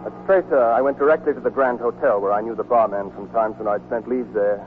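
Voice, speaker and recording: Grim and fast-paced, a man with a mid-range, natural-sounding voice and fairly even intonation narrates his wartime romance. The actor is playing a worn-out American army deserter in a 1940s radio drama, heard through a muffled, noisy recording from 1949.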